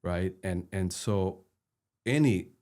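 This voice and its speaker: A middle-aged man from Peru, co-hosting a conversational podcast, has a deep, warm voice and a slow pace. He talks earnestly, probes with questions, and tends to repeat a word as he starts.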